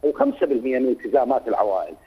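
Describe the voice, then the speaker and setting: An Iraqi man, director of a human rights office, speaks haltingly in a live news interview over a phone line that keeps breaking up. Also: mid-range voice, sing-song, breathy edge. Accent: Iraqi Arabic. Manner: halting, repeats words while searching for them. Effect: choppy, breaking-up phone audio. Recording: dull lo-fi phone line that cuts out.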